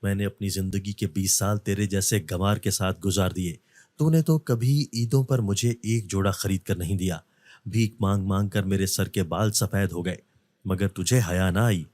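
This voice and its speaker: A man voicing a loud, quarrelsome middle-aged beggar woman who wails and scolds her husband. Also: low voice, steady tone, moderate pace, dry recording, close to an everyday voice. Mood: wailing. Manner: wailing, scolding.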